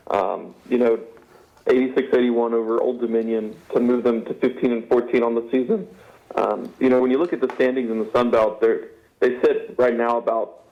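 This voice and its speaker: A man's voice: mid-range voice, darkish tone. Muffled man with swollen-mouth speech. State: slightly muffled speech from swollen mouth after dental surgery. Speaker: sports editor and podcaster, guest. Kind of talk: casual sports interview talk. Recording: dull, band-limited radio-style sound.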